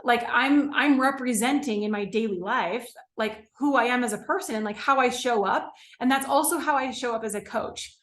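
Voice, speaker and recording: A woman's voice: fairly high pitch, moderate pace, few pauses, a bit bright. A young woman from California, a business coach teaching on a live stream in a casual way, often saying "like", "okay?" and "right?". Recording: echoey room.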